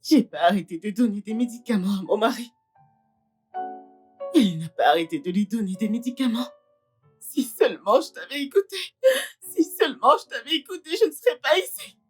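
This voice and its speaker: An actress dubbing a distraught young wife who feels used and ashamed, speaking through sobs in a film. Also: female voice, mid-range voice, moderate pace, pauses often, a little mellow, husky, faint music behind, natural voice. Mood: weeping despair. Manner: sobbing, pleading. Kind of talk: dubbed film acting.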